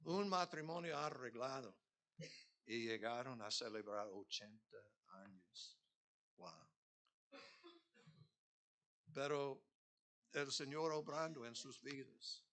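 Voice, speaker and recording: A man's voice: medium pitch, lively intonation, slow, pauses often, a bit bright. A man preaching a sermon as pastor, earnest, building to emphatic peaks. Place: church.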